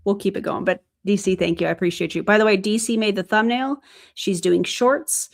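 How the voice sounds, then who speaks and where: A woman's voice: mid-range voice, a little fast, vocal fry. A woman hosting a casual livestream, chatting and thanking viewers from the chat. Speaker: livestream host.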